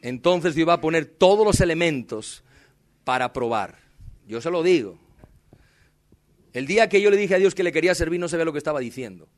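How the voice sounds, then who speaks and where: Impassioned high-voiced pastor. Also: male voice, animated, brisk, long pauses. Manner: impassioned preaching, addresses the congregation directly; tells personal stories with dramatic emphasis. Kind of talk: sermon.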